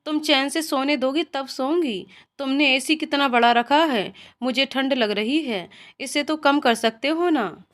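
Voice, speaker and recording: A woman's voice: high-pitched, a little slow, hardly any pauses, fairly bright tone. A woman voicing a feisty, cheeky young bride who talks in a pouty, teasing way. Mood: complaining.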